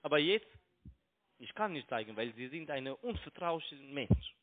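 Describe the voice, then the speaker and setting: His pitch is fairly high and swings widely, while his speed stays normal. A non-native man, not a German native speaker, he's a phone broker and scam caller arguing on a tinny narrowband line, repeating his phrases insistently in broken sentences.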